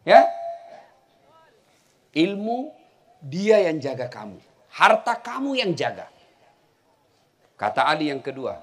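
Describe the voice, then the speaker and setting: Animated preacher man. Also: sits high. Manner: animated storytelling, shouting punchlines with laughter. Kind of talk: humorous sermon to a live audience. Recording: live event with crowd and faint noise. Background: crowd laughter.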